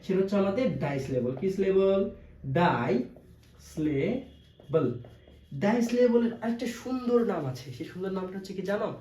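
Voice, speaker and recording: High-voiced man teaching in an echoey room. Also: expressive, fast talker, few pauses, warm tone. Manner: asks questions and answers them himself, repeats key terms. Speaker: English teacher. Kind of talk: classroom-style video lesson. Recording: echoey room, faint background noise.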